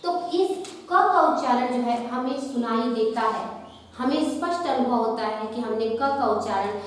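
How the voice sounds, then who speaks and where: A woman's voice: on the high side, moderate pace, slight background noise. A woman teacher giving a patient grammar lesson, explaining step by step with examples. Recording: echoey room heard from a distance.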